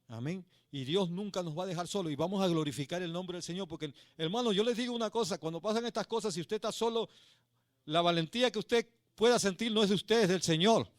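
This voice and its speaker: A male pastor preaching a sermon. He tells a story with passion, swinging between loud and hushed, and calls his listeners brother. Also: high voice, fast, no room sound.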